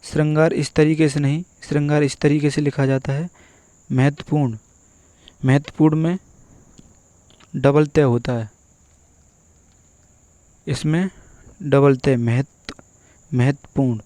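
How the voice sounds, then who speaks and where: A man teaching an exam-prep spelling lesson, going through word after word and repeating each one slowly and methodically. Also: a little high, fairly even intonation, warm tone, dry recording. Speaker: Hindi teacher.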